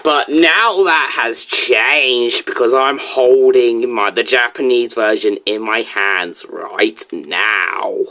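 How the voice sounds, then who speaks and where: A teenage video reviewer talking casually while reacting to a video, animated and jokey, sometimes dropping to a mumble. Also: mid-range voice, slow pace, hardly any pauses.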